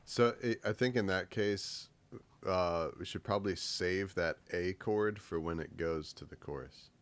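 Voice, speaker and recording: A man's voice: sits low, measured pace. A young man co-hosting a casual live stream about composing, jokey and chatty, saying "like" a lot and laughing easily. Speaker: co-host of a music-making live stream. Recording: faint music behind the voice.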